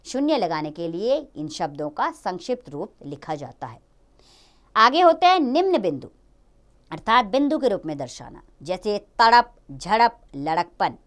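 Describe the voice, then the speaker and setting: Clear-voiced woman teaching grammar to children. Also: medium pitch, big pitch swings. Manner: slow, drawn-out teaching of each letter and sound.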